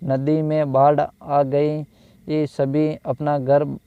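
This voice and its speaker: A man teaching a grammar lesson, repeating each phrase and pausing to think with restarts. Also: a little high, flat delivery, clean tone, dry recording. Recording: dull lo-fi dry recording.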